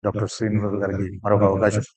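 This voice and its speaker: Husky Telugu Indian man, excited cricket commentary. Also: lowish voice, racing. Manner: excited, exclamatory cricket calls. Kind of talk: live cricket commentary mixing Telugu and English.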